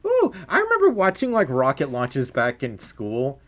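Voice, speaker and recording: The pitch of this young man's scratchy, mid-range voice swoops wildly as he reads chat donations at a moderate pace. He is a streamer in playful livestream mode, giggling and humming between messages.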